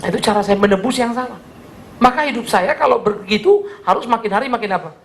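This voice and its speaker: A male pastor preaching a sermon with an Indonesian accent, earnest and animated, asking his congregation questions. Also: extremely high pitch, quick pace. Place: church service.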